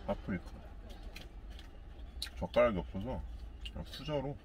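A low-voiced man talks through a mouthful of food, chewing as he speaks in a quiet, polite, low-key way. He sits in a parked truck, and engine and traffic noise are clearly heard around him. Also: lively intonation, a little slow. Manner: soft-spoken, polite, understated. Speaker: truck driver vlogger. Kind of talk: casual mukbang vlog. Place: parked truck at a logistics center. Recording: background noise of vehicles and ambience.

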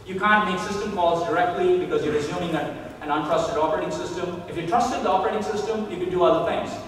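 A man giving a conference keynote lecture, measured and pausing often with "uh" while he thinks. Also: high voice, a little hiss or hum. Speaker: keynote speaker. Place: large lecture hall. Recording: echoey hall recorded from far off.

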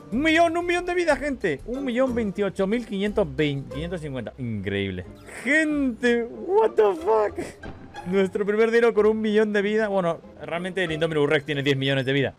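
This young man narrates his game session with constant exclamations to his audience. His voice sits fairly high and swings widely in pitch. Soft music plays underneath. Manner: excitable, shouts at the action, addresses viewers as "gente". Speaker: gaming streamer. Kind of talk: excited let's-play commentary.

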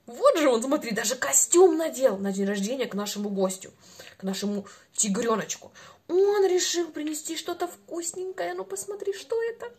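A woman in her twenties speaks in a high pitch at a moderate pace. She's leading a little child in a lighthearted speech lesson, stretching out her articulation with animated, musical encouragement.

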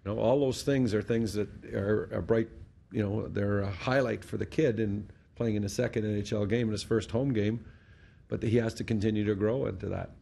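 In a press conference room with a sponsor backdrop, a middle-aged Canadian hockey head coach answers post-game questions from reporters into a desk mic on a stand. He speaks at normal speed with fairly even intonation in a fairly low, gravelly, mellow voice. Blunt and matter-of-fact, he often restarts words.

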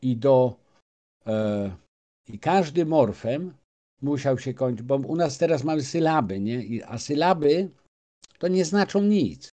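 A man's voice: mid-range voice, lively intonation, measured pace, dark tone. A man, speaking as a guest and lecturing an audience, with frequent restarts and filler sounds. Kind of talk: lecture-style talk to an audience.

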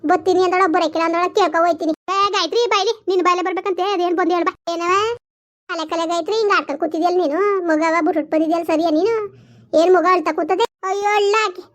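A woman playing a shrill, quick-tongued village woman. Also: steady tone. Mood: scolding. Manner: quarrelsome, scolding, argumentative. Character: bickering village woman in a family feud. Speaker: village family drama actor. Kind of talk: village family drama dialogue.

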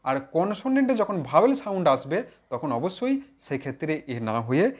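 A male teacher giving an online grammar lesson in a lively voice that rises and falls. He speaks straight to the viewers and poses questions he then answers himself. He stretches out example words and repeats them slowly to drill the sounds. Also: high voice. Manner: addresses viewers directly, asks and answers own questions.

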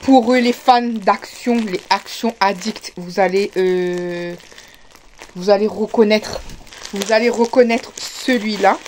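A woman's voice: medium pitch, slow pace, a little mellow, slight background noise. A woman with a Réunion French accent, chatting casually to camera as she unboxes parcels, full of fillers and restarts. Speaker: vlogger.

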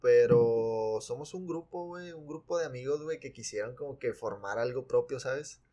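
A man's voice: medium pitch, moderate pace, warm tone. A man, a rapper guest chatting casually on a podcast at a desk mic, dropping slang constantly. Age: 20s. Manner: slangy, says güey constantly. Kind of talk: casual chat. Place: small studio with blue wall.

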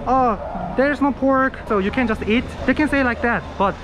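A man vlogger speaking through a face mask, chatting casually in mixed Korean and halting English while asking around at restaurants. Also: very high-pitched, noisy background. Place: street and small restaurants. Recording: music playing behind.

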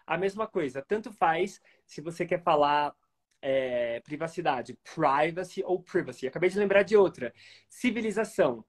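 A man teaching English pronunciation in a casual video lesson, slowing down to model each word. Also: a little high, animated. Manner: slow, deliberate model pronunciations between quick explanations.

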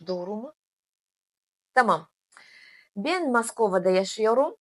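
A woman with a foreign accent speaking simple, halting learner's Turkish with small grammar slips, in a casual video diary. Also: mid-range voice, expressive, dry recording, clean studio sound. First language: not Turkish. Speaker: vlogger.

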